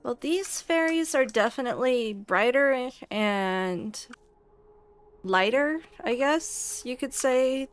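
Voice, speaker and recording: A woman's voice: sits high, expressive, slow, clean tone. A woman giving casual commentary as she streams a video game. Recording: game music behind the voice.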